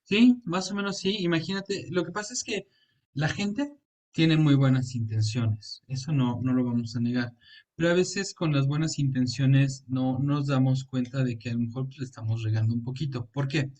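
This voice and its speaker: A man, a psychologist, explaining grief calmly in an interview and acting out examples of what to say. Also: medium pitch, moderate pace, distant mic. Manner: calm, explains with spoken examples and questions.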